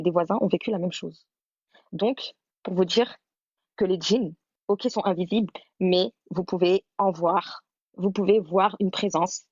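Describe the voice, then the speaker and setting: A woman's voice: medium pitch, a little mellow, no echo, dull audio. A woman hosting a live stream, telling her own story in a rambling way, full of restarts and repeated words.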